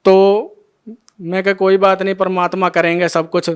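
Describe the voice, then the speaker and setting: A man's voice: high-pitched, monotone, normal speed, smooth. A middle-aged man emotionally telling his testimony as a devotee, acting out the dialogue of each scene. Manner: retells scenes by acting out every line of dialogue.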